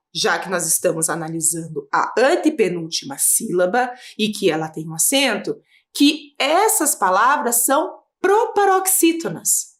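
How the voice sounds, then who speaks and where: Lively Brazilian woman teacher. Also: a little high. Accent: Brazilian Portuguese. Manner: patient, explaining step by step. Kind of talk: video lesson for children.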